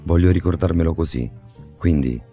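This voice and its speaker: A man reading the lines of a tender, shaken young woman in an audiobook, in a soft, intimate way. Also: low-pitched, moderate pace, faint music behind.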